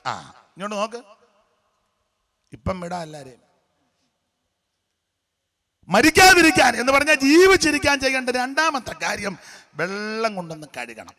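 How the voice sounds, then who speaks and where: A man from preaching a sermon, animated, breaking into hymn lines and dropping to hushed voices to act out scenes. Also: very high-pitched, measured pace, long pauses. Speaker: pastor.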